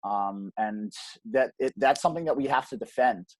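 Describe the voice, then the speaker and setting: A man's voice: medium pitch, moderate pace, darkish tone, no room sound. Emphatic man in a dry interview. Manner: earnest, emphatic, frequent restarts and ums. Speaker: podcast guest, gym co-owner. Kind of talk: conversational interview.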